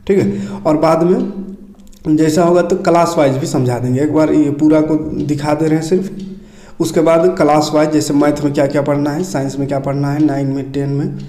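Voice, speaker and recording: A man's voice: a little high, mellow. Man teaching in an echoey room. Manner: explains item by item, repeats checks and tags. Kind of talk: casual screen-share lesson walkthrough.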